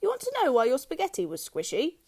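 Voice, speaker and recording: A woman's voice: high voice, huge pitch swings, fast talker, gravelly, a little mellow, pitched above the performer's own voice, heavily acted. A woman voicing a dirty, spiteful old hag who shrieks in panic and turns sly and sugary when she schemes. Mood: sly sweet.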